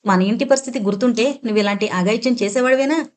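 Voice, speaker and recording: A woman's voice: fairly high pitch, fast talker, a little mellow, natural voice. A tearful village mother scolds and pleads in turn, her reproach heavy with worry, as a woman narrator reads her part. It is an audiobook voice, close and plain. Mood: reproachful.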